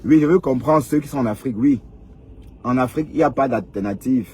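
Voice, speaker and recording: A man's voice: mid-range voice, a little fast, a little mellow, husky. A man in his fifties giving lecturing advice in a casual vlog monologue, repeating points and prodding listeners with "hein?". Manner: lecturing, repetitive, frequent "hein?". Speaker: vlogger.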